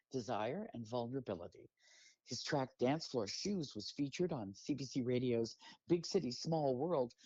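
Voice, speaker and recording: A woman's voice: a bass voice, mellow, husky, dry recording. A woman co-hosting a radio show, reading the intro and plugs in an upbeat announcer manner. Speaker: radio co-host. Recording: dull, dry radio studio audio.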